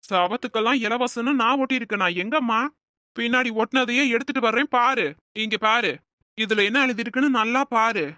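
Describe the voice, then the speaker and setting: A performer voicing a suspicious, grumbling balding auto-rickshaw driver in an animated comedy. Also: mid-range voice, a little fast, no echo, lightly acted. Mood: indignant.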